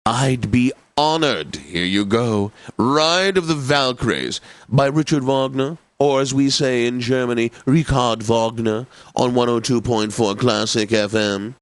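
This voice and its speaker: In a dry recording, a male actor with a medium-pitched voice plays a pompous, drily witty classical radio DJ in a video game. His announcing is formal, theatrical, and overly polite.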